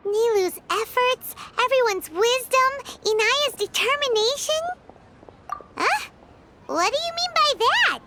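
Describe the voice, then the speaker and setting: A woman voicing a tiny, chatty, curious fairy-like girl companion in a video game, with a squeaky childlike voice and exclamatory manner. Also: lively intonation, slow, heavy background noise, full character voice. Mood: surprised. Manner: exclamatory, refers to self in third person.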